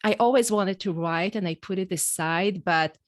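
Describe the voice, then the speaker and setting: In a studio-quality recording with no echo, a middle-aged Israeli woman whose first language is Hebrew talks at normal speed in a mid-range voice. An executive coach and author appearing as a podcast guest, she shares personal stories in a reflective, candid interview.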